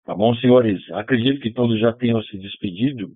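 A man's voice: mid-range voice, brisk, breathy edge, dry recording. A Brazilian man hosting an amateur radio net, heard over digital voice radio, giving courteous, formal operator talk with phonetic call signs. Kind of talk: roll call and sign-off over ham radio. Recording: phone-like narrowband radio transmission.

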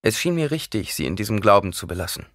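A man voicing a calm, commanding young male desert leader in an audiobook, speaking firmly. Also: lowish voice, fast talker, no room sound, studio quality. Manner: firm, commanding.

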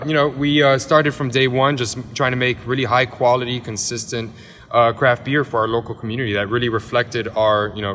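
A man in his thirties from Miami, a head brewer answering interview questions in a big tasting room, talking rapidly with many fillers and restarts. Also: medium pitch, fairly bright tone, in a large hall. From Miami, Florida.

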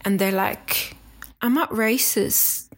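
A woman's voice: medium pitch, slow pace. Chatty Irish woman in her twenties. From Democratic Republic of Congo, raised in Ireland. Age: 20s. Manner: chatty, laughs often, acts out quoted people. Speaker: podcast guest. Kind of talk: casual interview chat.

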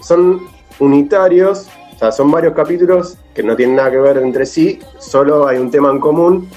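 A man's voice: on the high side, normal speed, darkish tone, soft background music. A man with an Argentine accent on a casual panel, describing a documentary series at some length. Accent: Argentine Spanish. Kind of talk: casual group chat.

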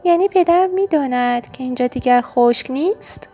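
A curious young girl in a storybook, played by a woman narrator, asking with a raised, eager voice. Soft music plays faintly behind. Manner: high, eager questioning. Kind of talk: children's audiobook reading.

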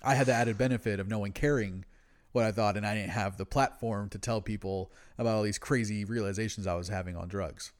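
A man co-hosting a podcast, casually discussing music in a laid-back, slangy, sweary stoner manner, as someone who is habitually high. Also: fairly even intonation, fairly quick. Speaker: podcast co-host.

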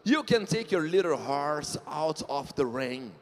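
A playful male talk show host with a slightly high voice, reading quiz lines slowly and leaning on every word. He is on a stage with long reverb ringing behind him. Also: very animated, noisy background. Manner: jokey, reads lines slowly and stresses them. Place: studio stage with an audience.

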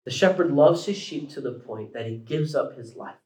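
A man's voice: medium pitch, animated, moderate pace, darkish tone. A man in his thirties preaching a sermon, building to emphatic peaks with casual asides. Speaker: pastor. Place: church sanctuary. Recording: echoey church room.

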